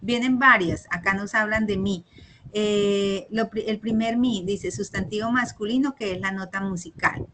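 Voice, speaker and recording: A woman's voice: medium pitch, moderate pace, a bit bright, a little hiss or hum, poor audio. A woman teaching an online class, walking through spelling rules patiently with many fillers and checks for understanding. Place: online meeting recording. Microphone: computer mic on a video call.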